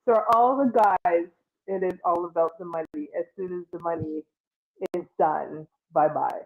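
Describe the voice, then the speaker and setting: A woman's voice: lowish voice, a little slow. A woman in her thirties, born in Jamaica and raised in Canada, co-hosting a casual livestream chat. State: a bit under the weather. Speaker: co-host. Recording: dull lo-fi stream audio.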